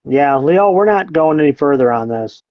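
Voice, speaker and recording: A man's voice: fairly high pitch, animated, moderate pace, no echo. Sarcastic male podcast host, dull recording. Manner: sarcastic, profane, mock-scolding commenters. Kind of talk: casual podcast chat.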